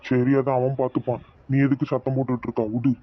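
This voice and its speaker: A man playing a patient father in a family skit, calmly soothing and placating the others. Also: mid-range voice, fast talker, breathy edge, dry recording, dull audio, lightly acted. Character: patient middle-aged father and son.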